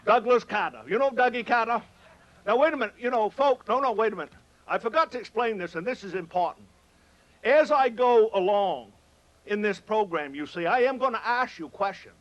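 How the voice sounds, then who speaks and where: Male stage humorist with a Maine accent: high voice, folksy and teasing yarn-spinner, slightly muffled sound. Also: animated, fairly quick, fairly bright tone. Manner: folksy, rustic dialect, teasing the audience. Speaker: humorist telling stories on stage. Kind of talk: live comic storytelling. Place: on stage before an audience.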